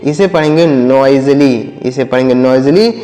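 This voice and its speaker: A man's voice: medium pitch, moderate pace, warm tone. A man teaching English vocabulary to children. He spells each word letter by letter, repeats its meaning several times and asks the children questions. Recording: echoey room with long reverb.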